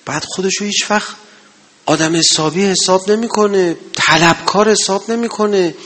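A man preaching a sermon to a gathering, impassioned, swinging between loud exhortation and low murmurs. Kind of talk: religious sermon.

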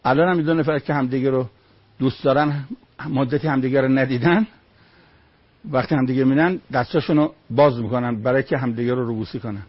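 A man's voice: mid-range voice, slightly rough, no echo, highs cut off. A man preaching on Quran verses, emphatic, with rhetorical questions and short stories.

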